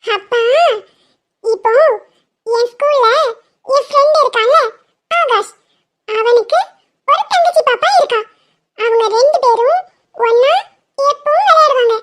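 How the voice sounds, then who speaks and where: A woman voicing a cheerful, chatty little girl in an animated story, with a high sing-song delivery. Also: a little slow, pauses often. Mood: excited.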